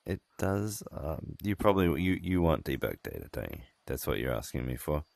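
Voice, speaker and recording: A man's voice: extremely low pitch, wildly swooping pitch, moderate pace, vocal fry, darkish tone, dry recording. A man in a casual technical chat on a work call, with dry, teasing humour. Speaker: software developer on a work call.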